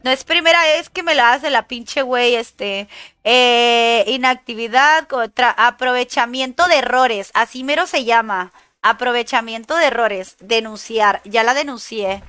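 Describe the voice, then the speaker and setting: A young woman from Chile streaming a game, chatting excitedly, swearing at opponents and greeting viewers. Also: fairly high pitch, unhurried, clear, resonant tone, no echo, faint music behind. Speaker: gaming streamer. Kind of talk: casual live-stream chat while gaming.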